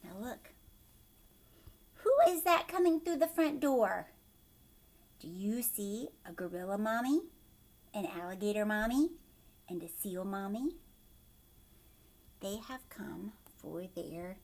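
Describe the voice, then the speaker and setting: Her voice leans high as this teacher reads a storybook to children, lively in expression and addressing the kids directly.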